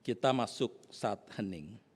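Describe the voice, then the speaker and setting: A middle-aged man preaching a sermon as pastor, telling stories with lively, animated delivery. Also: fairly low pitch, unhurried, slightly rough. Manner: animated storytelling, acting out angry shouts. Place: church hall. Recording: echoey church hall.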